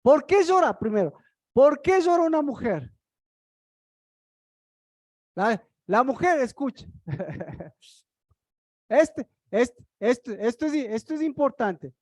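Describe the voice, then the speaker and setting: High-voiced woman preaching with questions. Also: very animated, darkish tone, no echo, clean studio sound. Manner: asks the congregation rapid rhetorical questions. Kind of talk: sermon.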